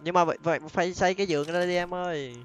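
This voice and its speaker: Excitable male let's-play host, quick-fire delivery, slightly raised voice, faint music bed. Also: sits high. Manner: excitable, repeats words, addresses viewers. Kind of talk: excited gameplay commentary. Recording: faint game music behind.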